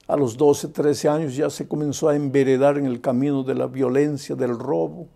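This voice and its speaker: Gravelly, dark-voiced man preaching. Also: medium pitch, fairly even intonation, normal speed. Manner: rises to loud emphatic appeals, drops to hushed storytelling. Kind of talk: evangelistic sermon.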